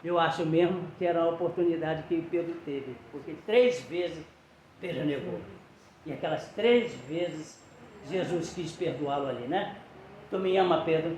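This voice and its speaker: Guy preaching casually in a church, high voice, roomy echo and a bit of hiss. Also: unhurried, a little mellow. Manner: conversational preaching that retells scripture with acted-out quotes. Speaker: lay preacher. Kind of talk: sermon. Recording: roomy echo, faint background noise.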